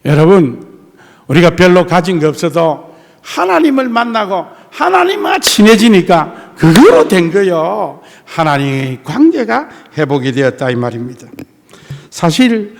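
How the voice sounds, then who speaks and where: An older male pastor preaches in a strong Tongyeong-Geoje Gyeongsang dialect, his voice pitched high with a gravelly edge. He is folksy and humorous and slips into little voices for the people he quotes. The sermon is caught in a church sanctuary with a long, ringing reverb. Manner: folksy, acts out dialogue in many voices, jokes with the congregation.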